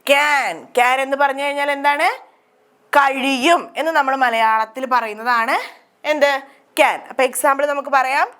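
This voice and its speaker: A woman's voice: sits high, steady tone, moderate pace, fairly bright tone. A woman with a Malayali accent teaching English grammar, asking questions and answering them herself. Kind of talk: grammar lesson explained in Malayalam.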